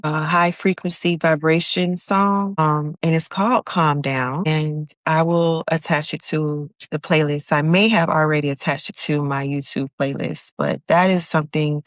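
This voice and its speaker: Female solo podcast host, low voice, unhurried, calm and encouraging, dry close sound. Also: no room sound. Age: adult with children. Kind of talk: solo motivational podcast talk.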